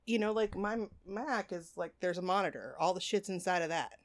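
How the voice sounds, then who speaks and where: Female podcast co-host, 40s, slightly low voice, loose rambling chat, swears often. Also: a little fast. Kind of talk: casual chat.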